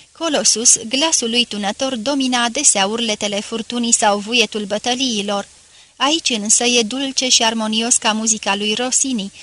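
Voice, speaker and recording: Woman narrator, audiobook, bright, slightly high voice, measured literary reading. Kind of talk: scripted narration.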